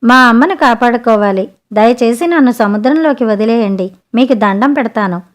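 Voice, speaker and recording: A woman voicing a clever, sharp-tongued young sea maiden in a spoken storybook, talking frankly and chidingly. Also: on the high side, animated, moderate pace, close to an everyday voice. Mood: pleading.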